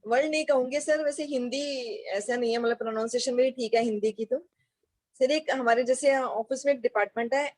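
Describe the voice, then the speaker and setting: A woman's voice: a little high, fairly even intonation, a little fast, a little mellow, dry recording. An office worker, a woman, explaining things carefully in a casual group discussion.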